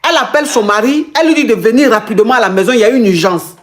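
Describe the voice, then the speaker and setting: A woman's voice: on the high side, expressive, racing. A woman hosting a call-in advice show as the coach. She retells the caller's story dramatically and acts out the quotes. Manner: talks straight to the caller, teasing and exclaiming.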